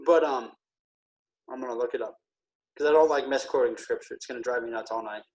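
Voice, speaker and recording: A man who is feeling ill, a military veteran speaking earnestly and haltingly with many pauses in a casual podcast conversation. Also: mid-range voice, a little mellow, a little hiss or hum, rough recording.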